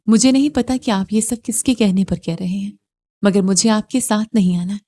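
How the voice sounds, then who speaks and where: A woman voicing a stubborn, hurt young wife in an audio novel who answers with sharp, reproachful retorts. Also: mid-range voice, natural voice.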